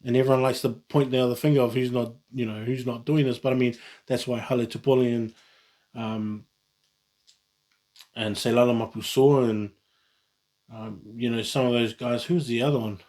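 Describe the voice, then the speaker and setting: A New Zealand vlogger speaks at normal speed in a steady, mid-range, darkish voice during a casual solo talk. His speech meanders, with frequent restarts and self-corrections.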